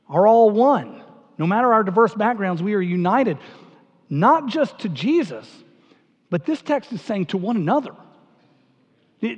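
High-voiced preacher in a reverberant hall. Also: male voice, slightly rough. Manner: earnest, repeats words, asks the congregation questions. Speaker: pastor. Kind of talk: sermon. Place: church sanctuary. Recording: dull sound with a long hall reverb.

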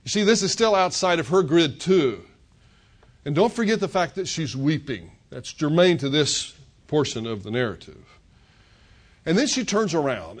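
An older man preaching a sermon, retelling scripture as a story and voicing the characters' words. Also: a little high. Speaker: pastor.

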